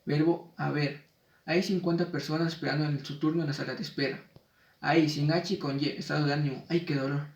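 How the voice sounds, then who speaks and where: A man with a somewhat high voice reads a spelling lesson in a measured way. He slows down for the example words. He sounds a little off the mic, in an echoey room. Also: fairly even intonation, creaky, far from the mic, highs cut off. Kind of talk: reading a spelling lesson aloud.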